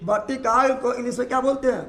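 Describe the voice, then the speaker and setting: A male teacher runs his lesson as a call-and-response drill. He asks the same question again and again, then echoes the answer back. His voice sits high for a man. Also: fast talker, fairly bright tone. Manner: drills the class with call-and-response questions, repeating each term. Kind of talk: classroom biology lesson. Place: classroom with students.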